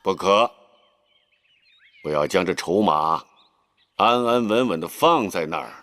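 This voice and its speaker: An actor playing a calculating older male chancellor in a period TV drama, speaking in a measured, reasoning manner. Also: sits low, animated, a bit bright. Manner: measured and reasoning, turning stern.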